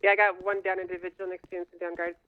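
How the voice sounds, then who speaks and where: Rapid flat woman over a police radio. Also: on the low side. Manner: brisk radio reports. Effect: heard over a police radio. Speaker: police officer in a roleplay. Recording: muffled radio line with loud noise.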